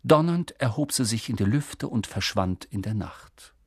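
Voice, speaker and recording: A man narrating an audiobook in a calm, even storytelling manner. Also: fairly low pitch, normal speed, husky, dry recording, clean studio sound. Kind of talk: scripted narration.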